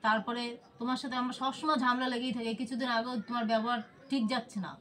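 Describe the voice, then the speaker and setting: A woman's voice: fairly high pitch, little pitch movement, very fast, bright, forceful tone. A woman, scolding her husband in a staged argument for a prank video. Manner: scolding, repetitive, insistent. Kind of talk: staged argument, then casual talk to viewers. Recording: voice from some distance, hidden camera.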